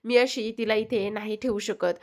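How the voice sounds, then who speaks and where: A woman's voice: mid-range voice, steady tone, normal speed, a little mellow, lightly acted. A woman voicing a grateful, tearful village mother pleading with the headman in a retold serial.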